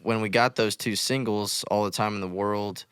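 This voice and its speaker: A low-pitched man talks through his songwriting approach. His voice is very smooth and resonant, with a bright edge. He speaks casually and thoughtfully, in a dry, close recording. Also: steady tone, moderate pace, no echo. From West Texas. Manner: thoughtful, explains with many "like"s. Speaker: guest musician. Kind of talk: casual interview chat.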